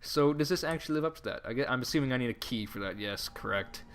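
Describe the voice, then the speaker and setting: A man's voice: medium pitch, lively intonation, quick pace, a bit bright, a little hiss or hum. A man giving casual first-look game commentary in a wry manner, with quaint, old-fashioned turns of phrase. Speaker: gameplay commentator. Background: game music.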